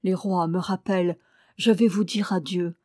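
A woman voicing a sorrowful, gentle male shark-man from the sea, who speaks in a grave, dignified way. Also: fairly low pitch, steady tone, normal speed, no room sound, clean studio sound, natural voice. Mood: joyful farewell.

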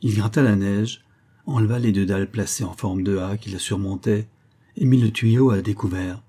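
A man narrating a novel aloud in a steady, measured storytelling manner. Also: on the low side, breathy edge.

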